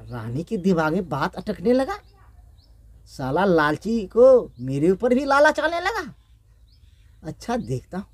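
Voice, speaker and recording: A male storyteller, spinning a folk tale in a rustic, repetitive way. His voice is high and his pace slow. The recording is close and dry. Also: sing-song, no room sound.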